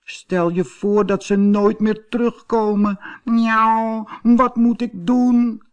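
A man reading a storybook, voicing a small, timid young tomcat with a high, mewing, plaintive voice. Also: sing-song, a little slow, lo-fi sound, exaggerated voice. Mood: tearful. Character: small young male kitten, timid and hopeful.

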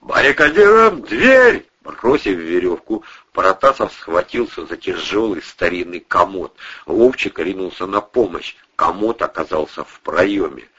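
A man narrating an audiobook with expressive, animated storytelling. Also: deep voice, a little slow, slightly rough. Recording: muffled lo-fi audio.

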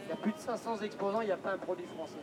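A man hawking at a street fair with loud barker's patter, insistent, repetitive and teasing toward his listeners. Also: high voice, racing. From France. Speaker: street-fair perfume pitchman. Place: outdoors at a busy street fair. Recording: outdoor street fair with crowd noise.

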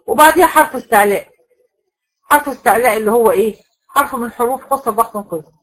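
In a rough recording, a woman with a fairly high, bright, forceful voice and an Egyptian Arabic accent teaches a recitation class to women students. She lays out the rules step by step, posing questions to the class and answering them herself.

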